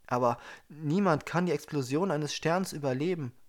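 A man's voice: fairly high pitch, moderate pace, lightly acted. A man voicing an inquisitive male scientist on a starship, asking earnest questions. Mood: questioning.

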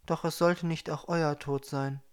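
A man voicing a calm, gentle female spirit who guards a star, speaking in a soft, measured way. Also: on the high side, clean tone, pitched above the performer's own voice, lightly acted. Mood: serene.

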